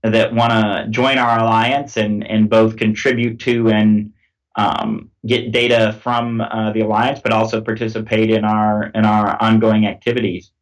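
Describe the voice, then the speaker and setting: A man being interviewed as a guest, explaining things in a measured way with many pauses. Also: fairly low pitch, flat delivery. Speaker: guest, head of a nonprofit security alliance. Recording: distant mic sound.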